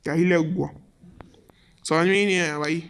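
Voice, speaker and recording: A young man giving excitable live commentary over his own game, calling his viewers "guys" again and again. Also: a little high, normal speed, a little hiss or hum. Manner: excitable, fills every phrase with "guys". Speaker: gaming YouTuber.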